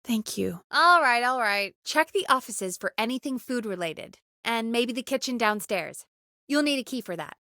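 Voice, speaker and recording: In clean, dry studio sound, a woman voice actor with a fairly high pitch and moderate pace plays an earnest, dedicated radio producer in natural video game dialogue. Her mood is focused and urgent, and her delivery is expressive, turning exasperated at times since the character gets annoyed easily.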